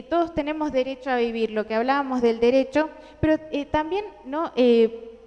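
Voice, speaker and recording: A young woman gives an earnest talk to a large audience in an indoor hall, her high-pitched voice slightly mellow and her accent Argentine Spanish. As a conference speaker she uses many fillers and restarts, heard through hall reverb.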